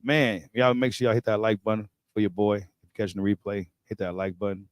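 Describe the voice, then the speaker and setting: An American man hosts a boxing talk livestream, offering casual chat and commentary in slangy, informal speech and repeating phrases for emphasis. His low voice moves little in pitch, is getting slightly worn, and comes at a quick pace. The recording is dry with clean studio sound.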